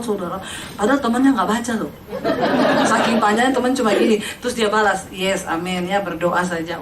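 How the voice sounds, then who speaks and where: A woman pastor preaches a humorous sermon, acting out the people in her stories. Her voice sits high. The sound is roomy, picked up from a distance in an echoey hall. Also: background noise. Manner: animated storytelling with quoted voices and laughter.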